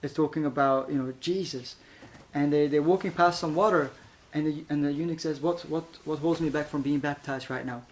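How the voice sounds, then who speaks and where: Man from iran telling his testimony, kinda high voice, laughs a lot, lots of restarts, faint hiss behind. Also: a little fast, few pauses. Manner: animated, laughs often, acts out voices in quotes; repeats words and restarts. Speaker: guest giving a testimony. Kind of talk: casual storytelling testimony.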